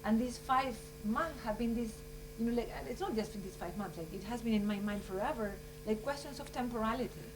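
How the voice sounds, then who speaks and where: A woman's voice: a little high, brisk, hardly any pauses. A woman from Chile, giving earnest, rambling closing remarks at a conference. She fills her speech with "you know" and "like.". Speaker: scientist speaking at a conference. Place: conference room. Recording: distant mic with hum.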